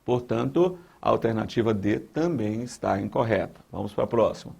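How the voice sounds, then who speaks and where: Creaky-voiced Brazilian grammar teacher. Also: male voice, on the low side, animated, fairly quick, darkish tone. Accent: Brazilian Portuguese. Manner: repetitive, emphatic, talks straight to the viewer. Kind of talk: exam-prep lesson.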